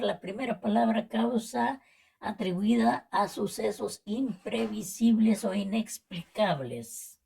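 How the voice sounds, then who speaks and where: Slow, husky-voiced Latin American woman teacher. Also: medium pitch, a little mellow. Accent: Latin American Spanish. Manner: slow, careful explaining with repetitions. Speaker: language teacher. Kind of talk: spelling and vocabulary lesson.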